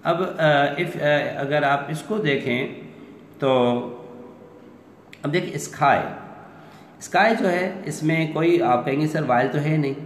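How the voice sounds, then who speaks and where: A man teaching an online English class, explaining step by step and asking questions he answers himself, slowing down to stretch out English phrases. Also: a little high. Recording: roomy echo with long reverb, faint noise.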